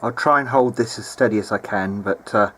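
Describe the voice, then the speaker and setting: Fairly quick, a bit bright, and on the low side, a hobbyist's voice wanders hesitantly through thoughts on repairing old audio equipment. He speaks from behind a handheld camera at his home workbench in a noisy amateur recording.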